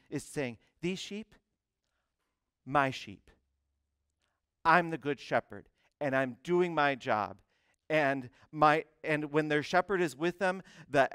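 Man, pastor, sermon, lively delivery, repeats words as he restarts, slightly high voice, smooth and resonant, dry sound. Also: dry recording. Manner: animated preaching with frequent repeated starts.

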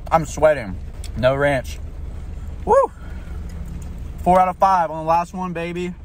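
A man's voice: high voice, unhurried. A man in his twenties chatting casually for an eating-challenge vlog, exclaiming between bites with his mouth burning from spicy food. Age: 20s. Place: inside a parked car. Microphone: phone at arm's length. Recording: car cabin noise, handheld phone.

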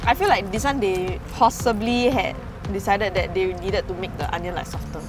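A woman's voice: mid-range voice, moderate pace, over music. A woman in her twenties with a Singaporean accent, chatting casually as a food vlog host in a car. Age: 20s. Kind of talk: casual chat. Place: inside a parked car.

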